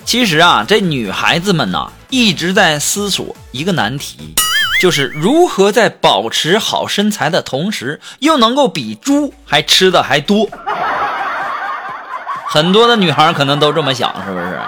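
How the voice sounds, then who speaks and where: A man's voice: fairly high pitch, wildly swooping pitch, normal speed. A man hosting a comedy show, telling funny anecdotes with laughing asides. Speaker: comedy podcast host. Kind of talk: joke storytelling. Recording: music bed behind voice.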